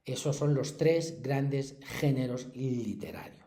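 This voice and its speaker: A man's voice: mid-range voice, slow, dark tone, reverberant. A man from Spain with a central Spanish accent, a secondary school language teacher giving a chatty review lesson and checking in with his pupils often. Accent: central Spanish (Castilla-La Mancha). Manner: chatty, explanatory, checks in with frequent tags.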